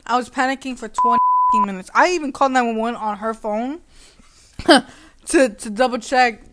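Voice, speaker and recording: Young woman vlogger, lively laughing storyteller, slightly high voice. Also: moderate pace, heavy background noise. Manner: animated, laughing, sassy retelling. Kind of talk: casual storytelling chat.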